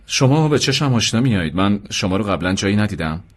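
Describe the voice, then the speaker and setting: A man's voice: lowish voice, expressive, breathy edge. A man voicing a stern young revolutionary guard who speaks curtly and mockingly. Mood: low and curt. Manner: curt, mocking.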